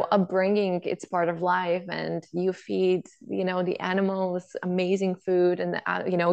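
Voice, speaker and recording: A woman's voice: on the low side, creaky. A woman from Bulgaria, a product founder, explaining things in a podcast interview with occasional restarts.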